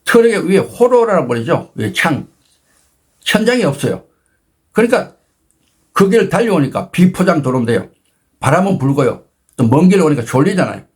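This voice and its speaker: A man in his sixties hosting his own channel, retelling a personal story with dramatic emphasis and sudden jumps in pitch. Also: big pitch swings, normal speed, pauses often, darkish tone, breathy edge. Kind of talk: animated storytelling talk.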